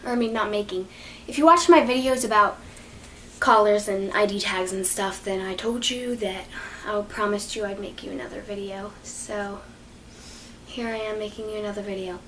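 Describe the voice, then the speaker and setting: A woman's voice: mid-range voice, steady tone, normal speed, a bit bright. A young woman talking casually to camera about training dogs, rambling, apologizing and laughing at herself. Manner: rambling, self-deprecating, giggly. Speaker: dog training vlogger. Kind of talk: casual unscripted vlog. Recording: distant mic with faint noise.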